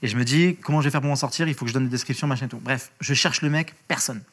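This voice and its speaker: Man, interview guest, casual storytelling, slangy, swears a lot, animated restarts. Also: mid-range voice, very fast, husky.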